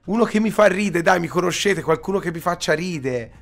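A man's voice: sits high, expressive, brisk, gravelly, a bit bright, soft background music. A man in his thirties giving casual live reaction commentary as a streamer, bemused and complaining, close to the mic. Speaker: streamer and host. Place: small indoor streaming room.

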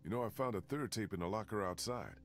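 An actor playing a concerned, steady man who leads survivors in a video game drama. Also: lowish voice, fast talker, soft background music, close to an everyday voice. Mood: concerned, grave.

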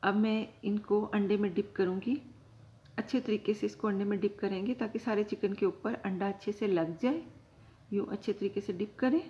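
A woman hosting her own cooking channel, calmly explaining each step of a recipe to viewers from her home kitchen. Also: medium pitch, normal speed, lo-fi sound. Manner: calm, instructive, addresses viewers directly.

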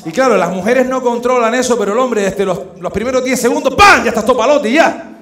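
A man's voice: extremely high pitch, quick pace, echoey room. A young man from the Canary Islands with a Canarian accent, doing a chatty, punchy stand-up monologue. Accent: Canarian Spanish. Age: young adult. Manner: chatty, punchy, animated, using crowd tags. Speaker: stand-up comedian.

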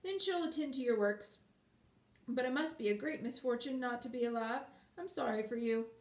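A woman's voice: a little high, moderate pace, lightly acted. A woman voicing a cheerful, easygoing male scarecrow who talks in a mild, reassuring way, recorded in a roomy space from a distance.

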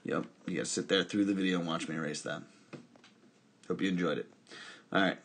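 A man's voice: low-pitched, steady tone, fairly quick, a bit bright, a little hiss or hum. A man teaching a recorded math lesson, talking through each step by asking and answering his own questions, with wry asides along the way.

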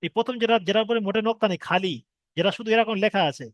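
A man's voice: high-pitched, racing, no echo. A man teaching how to read Arabic letters, patiently repeating each point, drawing out example sounds and asking if students follow. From Bengal. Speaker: Quran reading teacher. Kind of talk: online Arabic letters lesson.

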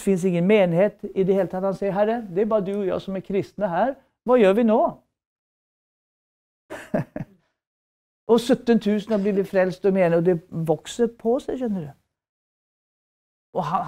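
A woman's voice: medium pitch, warm tone. Fervent woman preacher. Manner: fervent, emphatic repetition, rhetorical questions. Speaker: Bible school preacher. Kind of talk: preaching lecture.

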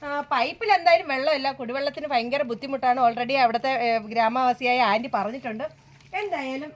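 A woman's voice: high-pitched, fairly quick. A woman with a southern Kerala Malayalam accent giving chatty, casual travel vlog commentary, repeating phrases and checking in with viewers with tag questions. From Kerala, India. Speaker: travel vlogger. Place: outdoors, walking through a village and rocky hill. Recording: outdoor recording with background noise.

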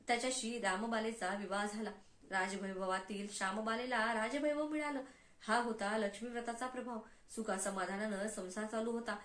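A woman tells a devotional folk tale in a measured, expressive way. Her voice sits fairly high, and the recording has a noticeable echoey room sound. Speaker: storyteller. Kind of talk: devotional story narration.

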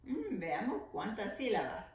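A woman teacher leading an early reading lesson for young children, slowly sounding out letters and syllables. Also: medium pitch, wildly swooping pitch. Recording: echoey room.

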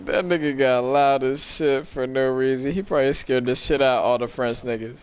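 A man chatting casually with friends while gaming, trash-talking loudly and cracking up laughing. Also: medium pitch, steady tone, brisk, a little hiss or hum. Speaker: gamer streaming with friends.

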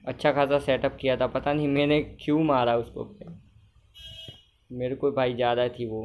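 A young man giving casual commentary on his own gameplay, chatty and talking to himself, at times loud and scolding at the game characters. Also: mid-range voice, flat delivery, moderate pace, dull audio, slight background noise. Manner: chatty, talks to himself, keeps saying brother. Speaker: gamer.

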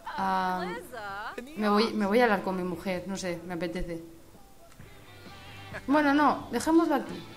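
A woman with an accent from Spain, commenting on a life-sim game, excitable and sweary, often breaking into silly singing. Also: mid-range voice, unhurried, pauses often. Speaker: gaming host. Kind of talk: let's play commentary. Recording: game music playing behind the voice. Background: game music.

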